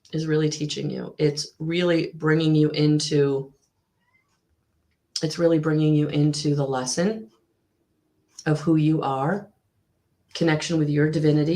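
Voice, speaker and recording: A tarot reader gives a live reading to viewers in a husky, slightly hoarse voice left over from a recent illness. Her voice sits low and a little mellow, and she speaks soothingly and repetitively with frequent ums.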